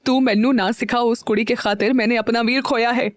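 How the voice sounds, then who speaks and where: A woman's voice: on the high side, fairly even intonation, brisk, dry recording, clean studio sound, natural voice. A woman voicing an elderly Punjabi-speaking aunt who scolds and mutters to herself, in a Punjabi-tinged Hindi accent. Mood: irritated.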